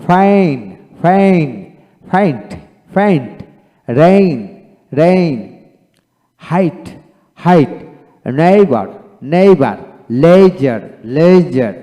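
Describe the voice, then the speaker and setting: A man's voice: animated, extremely slow, long pauses. Man drilling pronunciation in a reverberant room. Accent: Bangladeshi. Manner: repeats each word twice, stressing it louder and higher. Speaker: English teacher.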